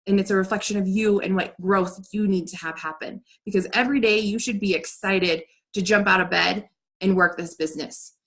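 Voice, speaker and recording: A woman's voice: mid-range voice, steady tone, a little fast, a bit bright. A woman leading a team training over a video call, talking in a direct, upbeat coaching way. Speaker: team leader.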